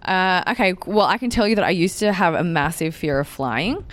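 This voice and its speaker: A woman's voice: on the low side, fairly quick. A woman co-hosting a podcast in casual chat, talking freely and laughing often. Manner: chatty, laughs often, animated. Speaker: podcast co-host.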